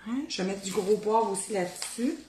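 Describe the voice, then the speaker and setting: A woman's voice: mid-range voice, normal speed, dark tone. A woman from the Beauce region of Quebec with a strong local Québécois accent chats casually through a cooking demo, thinking aloud as she works. Her kitchen sounds roomy and echoey, with a faint hum underneath. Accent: Beauce Québécois French. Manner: chatty, thinks aloud while working, colloquial Québécois speech. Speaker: cooking video host. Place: home kitchen.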